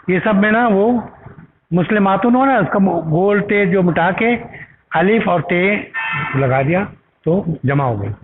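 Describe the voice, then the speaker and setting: A man teaching an Arabic grammar class, patiently repeating each word with its meaning and asking learners to say it aloud. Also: high-pitched. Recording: tinny phone-like recording with loud noise.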